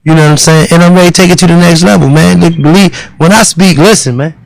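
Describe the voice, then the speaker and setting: A man's voice: on the high side, fairly even intonation, fast talker, creaky, dry recording, rough recording. A man with a Baltimore accent, a guest speaking earnestly and insistently, repeating his points. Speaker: guest rapper. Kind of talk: casual interview chat.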